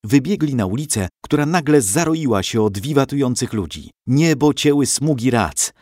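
A man reading a storybook aloud with dramatic, expressive narration. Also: mid-range voice, moderate pace, no room sound, studio quality.

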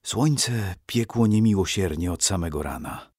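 Husky expressive male storyteller. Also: deep voice, unhurried, no echo, studio quality. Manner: expressive, dramatic reading. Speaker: narrator. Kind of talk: storybook narration.

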